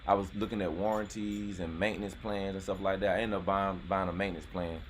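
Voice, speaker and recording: Male host in his forties, low voice and quick delivery, relaxed, chatty manner. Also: heavy background noise. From North Carolina, US. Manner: laid-back, rambling, lots of "you know what I'm saying". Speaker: channel host. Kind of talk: casual live-stream chat. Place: outdoors near a golf course.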